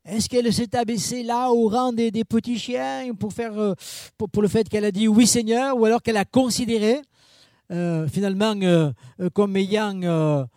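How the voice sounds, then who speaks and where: A man preaching a sermon in a chatty way, full of fillers and asides to the congregation, with big swings in pitch and loudness. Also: fairly even intonation, moderate pace, no room sound, studio quality.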